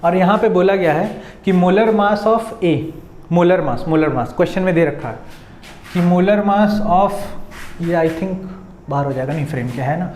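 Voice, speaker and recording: A man on works through a chemistry problem on a board. He explains each step, often checks whether his students follow, and slows right down when he dictates. The room is echoey, with a faint hum behind him. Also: high-pitched, darkish tone. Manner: dictates slowly while writing. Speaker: chemistry teacher. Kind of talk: whiteboard lesson.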